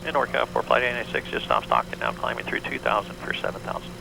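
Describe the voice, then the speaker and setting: Co-pilot guy on a cockpit headset, rough gravelly voice, brisk clipped callouts, loud engine hum behind. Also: medium pitch, sing-song. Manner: brisk clipped aviation phrasing. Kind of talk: cockpit callouts and radio calls. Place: small jet cockpit in flight.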